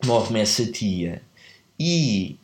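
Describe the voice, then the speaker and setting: A man's voice: fairly low pitch, very animated, extremely slow, roomy sound, a little hiss or hum. A man with a European Portuguese accent, telling a story in casual chat, rambling and often correcting himself. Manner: rambling, self-correcting, laughs at own mix-ups.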